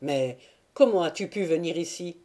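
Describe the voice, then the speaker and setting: A woman reading a young Cossack, urgent and loud. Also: fairly low pitch, expressive, moderate pace. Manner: loud, pressing questions.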